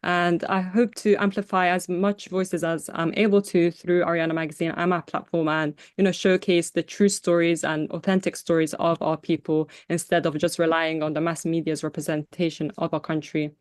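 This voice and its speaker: A woman's voice: lowish voice, flat delivery, moderate pace, few pauses, no room sound, clean studio sound. A young woman from Afghanistan, a magazine founder, giving earnest prepared remarks on a webinar video call with small restarts. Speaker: magazine founder, panel guest.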